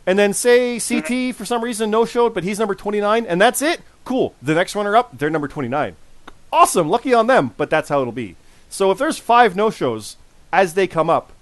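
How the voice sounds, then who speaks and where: A man in his forties with a hoarse, worn voice, hosting a casual podcast and repeating phrases for emphasis. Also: a little high, dry recording. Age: 40s. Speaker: podcast host.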